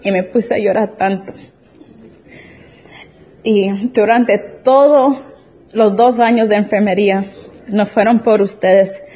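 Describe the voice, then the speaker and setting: A young woman in her twenties shares a personal faith testimony before a congregation. Her voice is husky and warm, with a dark, mellow tone. She speaks in an earnest, emotional way and often breaks off and restarts her sentences. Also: mid-range voice, fairly even intonation, takes it slowly, pauses often.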